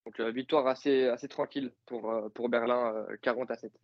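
A man's voice: mid-range voice, steady tone, a little fast, no echo, muffled recording. A man co-hosting a podcast, casually recapping a football game with many fillers and joking asides. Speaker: podcast co-host, football analyst.

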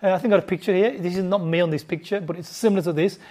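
This Bible teacher talks rapid-fire in a fairly low, dark-toned voice, leading a conversational lesson for a group. Her manner is casual, with frequent stumbling restarts, and she regularly puts questions to the audience.

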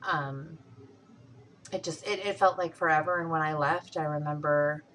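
A young woman with a lowish, forceful, bright voice speaks bluntly and swears freely. She talks in a casual, candid conversational way as a podcast co-host. A faint hiss sits behind her. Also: steady tone, normal speed, poor audio.

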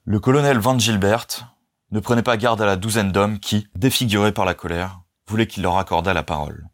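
A man reading a novel aloud as narrator, in a measured, even storytelling manner. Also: on the low side. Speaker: audiobook narrator. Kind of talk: scripted narration.

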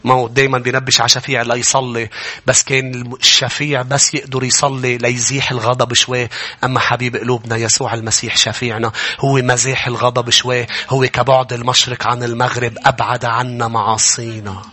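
A man with a Lebanese accent preaching a sermon, swinging from quiet, close speech to loud, impassioned peaks. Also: mid-range voice, flat delivery, fast. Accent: Lebanese Arabic. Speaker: pastor.

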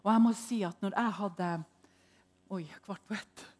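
A woman preaching in a testimony style, telling stories with loud emphasis and hushed, whispered asides. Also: mid-range voice. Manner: animated storytelling, swings between loud emphasis and hushed whispers.

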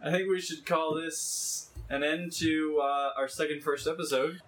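A man with a slightly high voice, co-hosting a podcast. He chimes in casually with short, dry remarks and wraps up the episode. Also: fairly even intonation, unhurried, a bit bright, rough recording. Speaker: podcast co-host. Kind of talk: casual chat.

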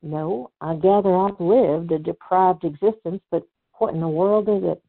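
A woman's voice: lowish voice, normal speed, gravelly. A woman voicing a wry young woman from the country, in a storybook reading. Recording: tinny phone-like sound.

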